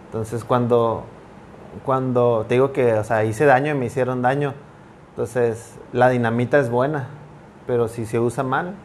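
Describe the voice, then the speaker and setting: A man in a reflective podcast chat, speaking earnestly and pausing to restart his thoughts. His voice sits at a middle pitch, with faint noise in the background. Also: steady tone, darkish tone. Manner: earnest, halting with frequent restarts. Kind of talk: reflective conversation.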